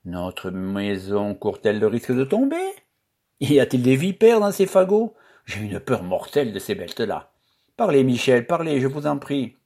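A man reading aloud, voicing a mocking young village girl in a lively, teasing manner. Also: mid-range voice, normal speed, voice pushed up.

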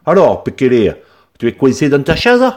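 A man's voice: medium pitch, wildly swooping pitch, moderate pace, voice pushed up. A man voicing a brash, plump farmer from the south of France with a strong southern French accent and a boisterous way of exclaiming.

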